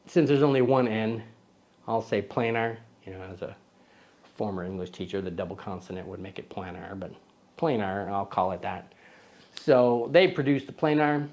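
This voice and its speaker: A man's voice: on the low side, darkish tone. A man hosting a casual lens review vlog, rambling and correcting himself with joking asides, recorded outdoors. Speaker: host of a camera lens video.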